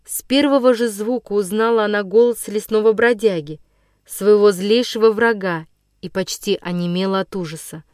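Woman reading an old storybook aloud, measured and dramatic, mid voice, dry sound. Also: medium pitch, fairly even intonation, a little mellow, clear, resonant tone, no echo. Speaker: audiobook narrator. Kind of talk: scripted narration of a classic children's story.

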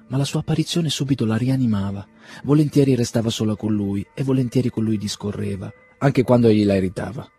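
Low, dark-voiced male narrator. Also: gravelly. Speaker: audiobook narrator. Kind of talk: scripted literary narration.

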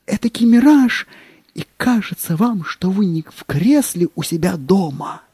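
A man's voice: high voice, mellow, no room sound, pitched above the performer's own voice, full character voice. A man voicing a fawning court secretary who gushes about food, with a wheedling, savoring manner and dropping into whispers. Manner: wheedling, savoring every dish, slips into whispers.

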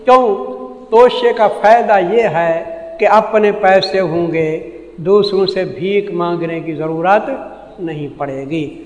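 A man from Pakistan teaches a Quran commentary lecture with a rather high voice. He works through the text verse by verse and keeps asking his listeners questions. The recording rings with a long hall echo. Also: a little mellow. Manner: explains verse by verse, asks the audience questions.

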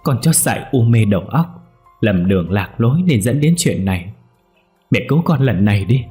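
A man's voice: fairly low pitch, expressive, moderate pace, warm tone, faint music behind, natural voice. A man voicing a terrified young man who stammers and begs tearfully for help. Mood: pleading. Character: frightened young man, pleading gambler son.

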